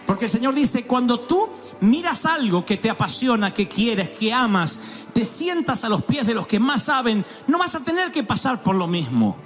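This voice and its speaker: A man preaching a sermon as pastor, animated and storytelling, with sudden exclamations and voices put on for the people he describes. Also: very high voice, moderate pace, faint music behind. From Argentina. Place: large church auditorium.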